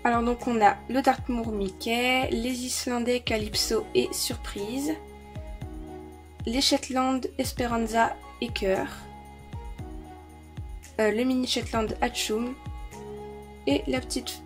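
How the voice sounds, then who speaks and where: Woman vlogging at home, kinda high voice, rattles off names w lots of ums, bit of music under it. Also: steady tone, slow pace, long pauses. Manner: chatty, lists names with many hesitations. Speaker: vlogger showing her collection. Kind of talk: casual show-and-tell. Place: indoor room shared with siblings.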